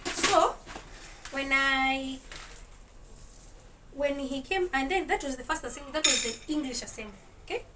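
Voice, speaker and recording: A woman's voice: high-pitched, measured pace, long pauses. A young woman chatting in a casual storytelling vlog, mixing Swahili words into her English and laughing often. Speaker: vlogger. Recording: distant mic with clear kitchen noise. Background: dishes and cutlery clinking.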